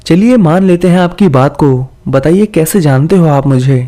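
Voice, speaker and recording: A man's voice: on the high side, animated, moderate pace, dark tone, pitched above the performer's own voice, lightly acted. A man voicing a friendly young office worker in a spoken horror story, talking in a casual, amused, questioning way. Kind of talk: storybook dialogue reading.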